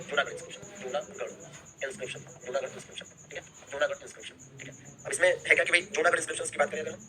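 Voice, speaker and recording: A young man teaching a history class, repeating key terms and checking in with students after every point. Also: a little high. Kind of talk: live online class lecture.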